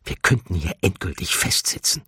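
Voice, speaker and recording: A man voicing a nervous, flustered young mortal man, speaking in hushed, uneasy tones. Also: low-pitched, animated, normal speed, husky, dry recording, studio quality, heavily acted.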